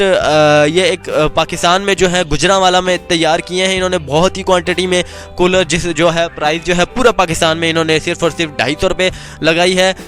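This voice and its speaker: A man with a Pakistani accent giving an insistent, repetitive teleshopping-style product pitch as a video host. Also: a bit bright. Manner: insistent teleshopping-style selling, repeating key claims emphatically. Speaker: video channel host presenting product offers.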